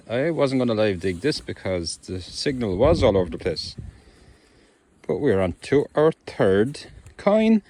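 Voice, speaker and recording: A man's voice: mid-range voice, a little mellow. A middle-aged man chatting to viewers as he metal detects in a wet, windy farm field. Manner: chatty, talks to viewers while digging. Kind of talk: casual outdoor commentary. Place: open farm field in wind and rain.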